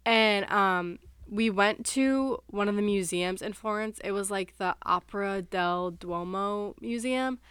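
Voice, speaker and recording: A woman's voice: mid-range voice, measured pace, few pauses, fairly bright tone, clean tone, dry recording. A woman in her twenties from the United States, co-hosting a podcast and telling a story in casual chat, full of "like" and "um". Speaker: podcast co-host.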